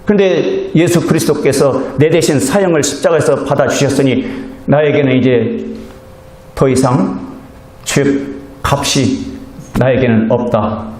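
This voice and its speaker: A man's voice: mid-range voice, a little slow, darkish tone. A male Korean pastor preaching a sermon in a church, earnest and conversational, acting out little quoted exchanges with the congregation. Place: church sanctuary. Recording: echoey church hall.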